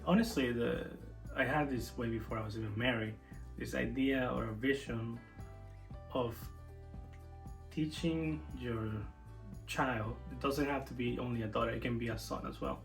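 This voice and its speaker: A young man from Venezuela talks casually and earnestly to camera, thinking aloud and restarting his sentences. His voice sits at an everyday middle pitch. Faint music plays behind him. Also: normal speed, vocal fry, rough recording. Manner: earnest, reflective, many restarts. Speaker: co-host of a family channel.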